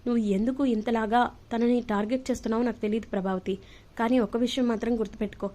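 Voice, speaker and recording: A woman voicing a calm older father who reproaches his family, in a telling of a TV serial. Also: on the high side, close to an everyday voice. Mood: reproachful. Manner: reproachful, measured.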